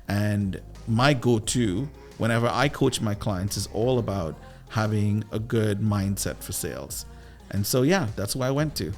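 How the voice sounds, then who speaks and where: A man with a Trinidadian accent from Trinidad and Tobago, a guest entrepreneur and business coach telling playful, animated stories in a casual interview. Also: fairly low pitch, measured pace, faint music behind. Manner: animated, playful, with lively voiced asides.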